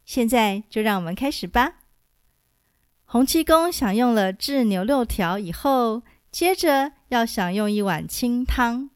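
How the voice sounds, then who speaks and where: A woman teacher hosting a storytelling show, narrating a scripted story in a measured, clear, gently expressive way. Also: on the high side, no room sound, studio quality.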